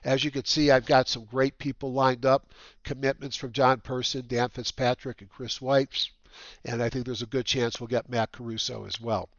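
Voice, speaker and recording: A man with a whistling nose hosting a market update as a trading educator, talking casually and haltingly with rambling asides. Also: mid-range voice, level tone, a bit bright, dry recording. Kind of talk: casual semi-scripted market commentary. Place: dry room at home. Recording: slightly dull, lo-fi dry recording.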